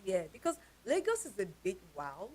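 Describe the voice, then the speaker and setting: A woman with a Nigerian accent, telling her life story as an interview guest in a lively, laughing way. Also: medium pitch, moderate pace. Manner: animated storyteller, laughs often. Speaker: guest, company founder.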